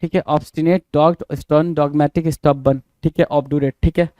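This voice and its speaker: Mellow-voiced man drilling English vocabulary. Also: a little high, steady tone, slow, no echo. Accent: Indian English. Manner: drills words, spells them letter by letter, asks and answers his own questions. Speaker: vocabulary teacher. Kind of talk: exam-prep vocabulary lesson.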